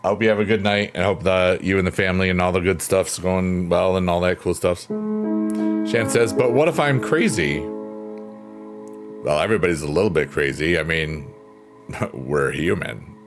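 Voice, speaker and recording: Relaxed piano music sits clearly in the background as a fiftysomething man with a deep bass voice talks casually with viewers on his livestream. He reads their comments in a friendly, unhurried way.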